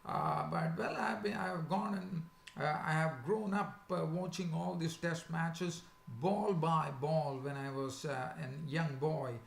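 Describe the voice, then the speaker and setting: A man with a sore, swollen-sounding throat, hosting a casual, unscripted cricket preview in a halting, hesitant way. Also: a little high, steady tone, vocal fry. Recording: echoey, roomy sound.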